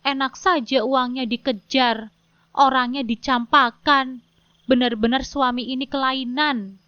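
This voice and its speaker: A woman's voice: high-pitched, steady tone, unhurried, pushed and bright, smooth, no echo. A woman narrating a first-person domestic story in a bitter, sarcastic manner. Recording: dull lo-fi dry sound.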